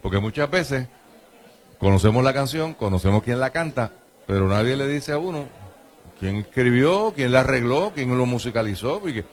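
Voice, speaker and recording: A man's voice: mid-range voice, animated, normal speed. A man hosting a show, joking with guests and reading live ads in a playful way. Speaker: host. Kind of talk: radio-style chat and live ad reads.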